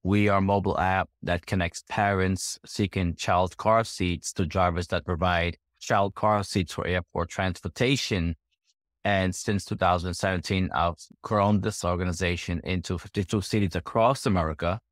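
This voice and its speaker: A man from Guyana answering interview questions as a guest entrepreneur, relaxed and easygoing. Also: deep voice, normal speed, no room sound, studio quality. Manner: relaxed, repeats "right?" and laughs easily.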